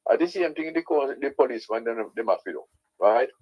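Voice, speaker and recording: Heated radio show caller. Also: male voice, mid-range voice, lively intonation, a little fast, husky, muffled recording. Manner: heated, insistent, repeats "right?".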